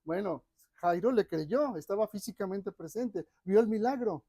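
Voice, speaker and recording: A man preaching a sermon, dramatic, swinging between loud urging and hushed lines. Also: high-pitched, expressive, normal speed, vocal fry, dry recording.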